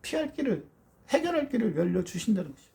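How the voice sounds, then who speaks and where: Preacher, fervent sermon delivery, gravelly edge, mid-range pitch, keeps asking the congregation questions. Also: big pitch swings, fast talker, dark tone. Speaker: pastor.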